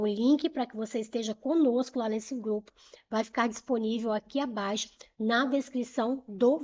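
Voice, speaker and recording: A woman's voice: on the high side, darkish tone, highs cut off. A middle-aged woman teaching grammar in an online exam-prep lesson, explaining step by step, repeating key points and asking rhetorical questions, and urging viewers to keep moving. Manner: brisk and urging, pushes the viewer to move on.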